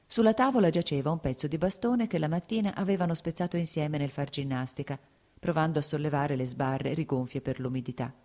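A woman narrating a classic novel audiobook in a measured, literary manner. Her voice sits low and has a dark, mellow colour. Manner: measured, even literary reading.

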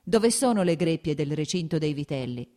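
A woman reading an audiobook, voicing an irritable male landowner who shouts exasperated questions at his steward. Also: sits low, lively intonation, normal speed. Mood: angry.

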